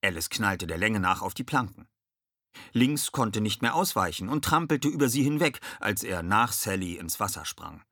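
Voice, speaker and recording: A man narrating a children's audiobook in a lively, expressive reading. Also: lowish voice, moderate pace, no room sound, clean studio sound.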